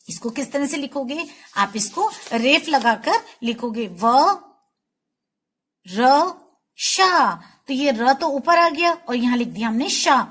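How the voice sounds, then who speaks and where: High-voiced woman teaching children. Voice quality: slow, drawn-out syllable-by-syllable pronunciation. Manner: patient, repeating words for children to echo. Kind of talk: Hindi spelling lesson for children.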